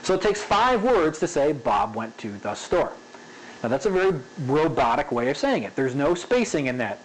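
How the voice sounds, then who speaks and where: A man's voice: fairly high pitch, very animated, fairly quick, rough recording. Chatty man teaching animation. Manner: conversational, repeats "okay?" often, varies pace to demonstrate. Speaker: animation instructor. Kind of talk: casual spoken lesson.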